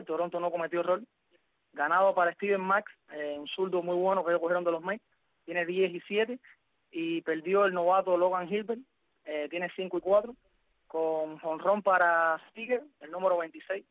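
High-voiced man reading baseball scores. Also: fairly even intonation, moderate pace, no echo. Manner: methodical, frequent "eh" fillers. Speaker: sports radio host. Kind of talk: baseball results rundown. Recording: dry, phone-like narrow sound.

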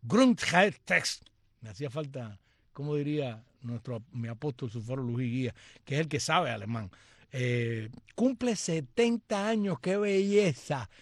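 A man's voice: medium pitch, lively intonation, a little slow, no room sound. A man, hosting a radio show and live stream, reading listener comments aloud with joking asides. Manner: chatty, joking asides and greetings.

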